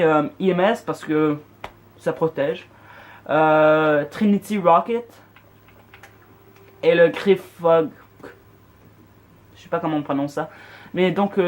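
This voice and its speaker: A gamer giving a casual, unscripted walkthrough, speaking informally to viewers in a hesitant, self-correcting way. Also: medium pitch. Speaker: video game player presenting loadouts.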